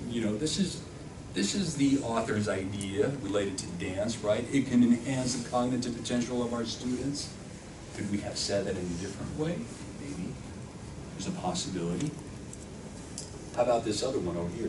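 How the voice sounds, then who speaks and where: In this classroom lecture, the workshop instructor, a native Spanish speaker with a fairly low voice, keeps asking questions and frequently answers them on his own. The audio picks him up from far away, with roomy reverb and a steady hum of noise.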